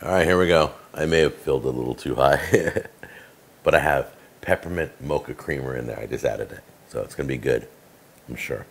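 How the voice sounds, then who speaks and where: Deep-voiced man demoing kitchen gadgets. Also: fairly quick, vocal fry, slight background noise. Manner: chatty, enthusiastic, filler-heavy. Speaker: cooking show host. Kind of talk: casual product demo. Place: home kitchen, indoors.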